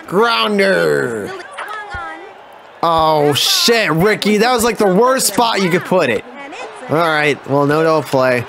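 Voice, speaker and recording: A man giving live commentary over his own baseball video game, excitable and swearing, often yelling at his players. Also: sits high, vocal fry, noisy background. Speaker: gaming YouTuber.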